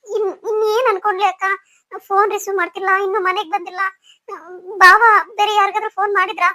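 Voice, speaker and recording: A woman's voice: very high-pitched, fairly even intonation, a little fast, sharp tone, no room sound, studio quality. A woman voicing an anxious pregnant young wife in a cartoon story, talking in a tearful, pleading way. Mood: worried, tearful.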